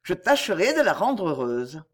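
Serious young gentleman read by a woman, pitched a bit lower, firm, storybook. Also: very animated, normal speed. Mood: resolved. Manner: earnest, firm. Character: young gentleman, earnest and stern.

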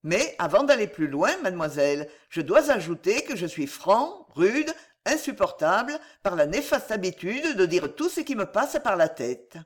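A woman reading aloud and voicing a frank young gentleman who is courteous yet blunt, in a storybook reading. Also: medium pitch, very animated, normal speed. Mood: earnest.

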